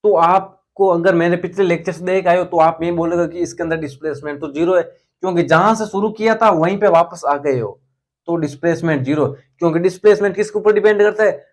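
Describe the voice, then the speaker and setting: A man's voice: high voice, a little fast. A young man teaching physics in a casual, chatty lecture style, speaking terms and repeating key words for his students.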